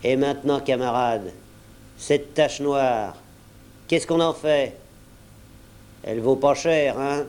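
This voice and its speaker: A man's voice: mid-range voice, slow pace, long pauses, clean tone, close to an everyday voice. A man voicing a blustering, cunning male pirate captain who bullies and mocks his crew. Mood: mocking. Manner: loud, bullying, scornful.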